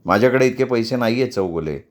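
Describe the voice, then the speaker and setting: A man's voice: mid-range voice, expressive, fast, natural voice. A man voicing a harassed, cornered man, restrained and pleading. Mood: indignant.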